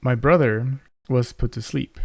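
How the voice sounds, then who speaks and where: A man's voice: mid-range voice, a little slow, vocal fry, no room sound. A young man co-hosting a podcast, telling a family story in casual chat, rambling with many fillers and restarts into a close mic. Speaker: podcast co-host.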